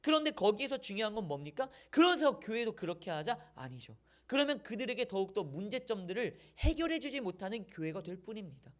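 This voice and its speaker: Lively male pastor asking rhetorical questions. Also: high voice, brisk, few pauses. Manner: conversational preaching with rhetorical questions. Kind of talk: sermon.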